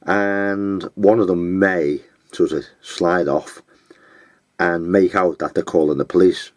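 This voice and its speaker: A man giving advice in an unscripted monologue, blunt and scornful, with frequent pauses and filler words. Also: sits low, steady tone, no echo. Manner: blunt, scornful, name-calling; halting, with many fillers.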